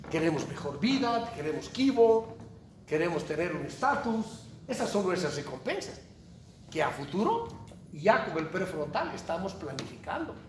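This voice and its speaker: Brief: male professor, bright high voice swinging up and down, miked from far back in a booming classroom. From Bolivia. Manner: animated, jokey, asks the class questions. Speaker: university lecturer. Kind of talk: classroom lecture. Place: large echoey classroom. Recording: echoey classroom from far off, noisy.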